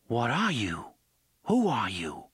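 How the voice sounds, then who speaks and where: A male narrator doing a wisecracking young man with a nervous edge, his voice pitched a bit higher than the narration. He talks with lively, theatrical swings. The recording is close and dry. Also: a little slow, vocal fry, no room sound, exaggerated voice. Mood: nervous hush. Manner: loud showman bellow.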